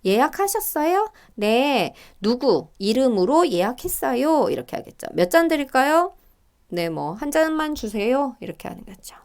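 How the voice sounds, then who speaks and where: A middle-aged woman teaching Korean, working through reading test questions and reading the example dialogues aloud in a higher, livelier voice. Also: very animated, normal speed, a little mellow. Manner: thinks aloud with fillers and small laughs.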